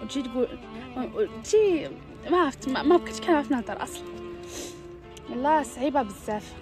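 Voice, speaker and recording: Moroccan woman venting fast, upset n tearful, really high voice, tripping over words, bit of music behind. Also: lively intonation. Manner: upset and exasperated, repeating phrases and stumbling over words. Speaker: social media vlogger. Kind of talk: emotional venting to followers.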